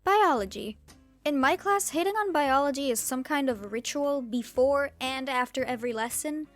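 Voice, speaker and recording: With a high-sitting, slightly bright voice at normal speed, this Turkish teen YouTuber performs a scripted vlog monologue. She comes across as dry and sarcastic, now and then bursting into comic exclamations over soft background music.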